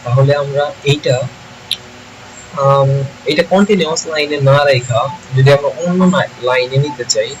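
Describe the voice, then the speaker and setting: A man, teaching software in a screen-recorded tutorial, thinking aloud and often checking that listeners follow. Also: medium pitch, moderate pace, long pauses. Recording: noisy home recording.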